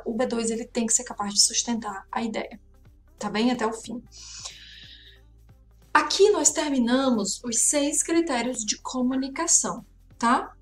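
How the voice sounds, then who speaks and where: A woman's voice: on the high side, fairly bright tone. A Brazilian woman teaching an online exam-prep lesson, explaining patiently and checking in with the viewer often. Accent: Brazilian Portuguese. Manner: explains patiently, asks itself learners' questions, frequent "tá?" check-ins. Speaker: French teacher.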